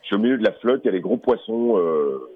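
A man calls in to a radio show and stays in character as an explorer inside a video game. He sounds hesitant and distracted, often breaking off to comment on what he sees. His voice is low and husky, and it comes through a tinny, dry phone line. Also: big pitch swings, fast, no room sound.

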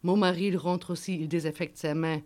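A woman's voice: fairly low pitch, fairly even intonation, fairly quick, darkish tone. A woman whose first language is German, speaking French as a guest and prisoner's wife, often searching for words and repeating herself. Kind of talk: earnest testimony.

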